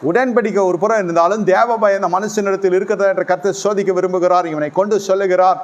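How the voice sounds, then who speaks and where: A man's voice: sits high, fairly even intonation, quick pace, dull audio. A man preaching a sermon emphatically, repeating his key phrases for weight.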